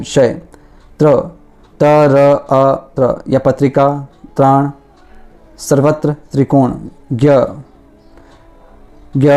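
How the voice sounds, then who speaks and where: A man's voice: a little high, mellow. A male teacher giving a grammar lesson, explaining step by step and repeating each sound and word aloud.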